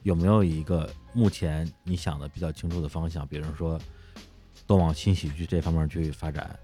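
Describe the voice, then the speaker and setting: A man with a very deep voice hosts a podcast conversation. He asks calm, measured questions and keeps the talk going with short affirmations. Faint music plays softly behind him. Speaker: podcast host. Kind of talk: casual conversational interview.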